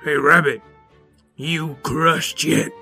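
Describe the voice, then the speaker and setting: A storyteller voicing a gang of big, tough boulders who taunt in a loud, sing-song chant. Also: mid-range voice, takes it slowly, creaky, soft background music, exaggerated voice.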